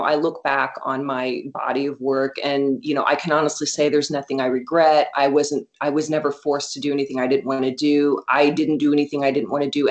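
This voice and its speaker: A woman in her thirties from the United States, talking as an interview guest in an earnest, animated way with many fillers. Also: low voice. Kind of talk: casual interview chat.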